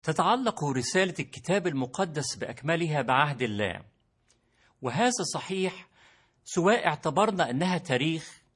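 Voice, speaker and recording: A man's voice: on the high side, a bit bright. A man explaining a theological point in an earnest, formal manner.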